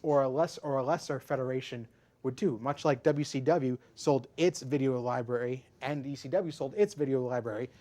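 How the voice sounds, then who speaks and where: Speaking at a moderate pace with a mellow, medium-pitched voice, he co-hosts a laid-back wrestling podcast. His explanations wander, and he keeps starting his words over.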